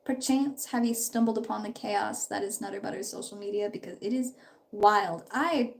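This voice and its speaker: At home in her parents' house, a woman in her twenties who's a bit under the weather chats upbeat and rambling on a live stream while putting on makeup. Her creaky, medium-pitched voice moves at normal speed.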